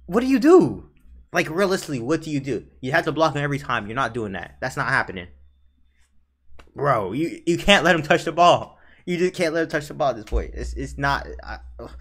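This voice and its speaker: A man reacting to an anime episode in casual slangy commentary, swinging from low mutters to shouts of disbelief. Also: a little fast. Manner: excitable, bursts into shouts of disbelief; slangy, says "bro" constantly.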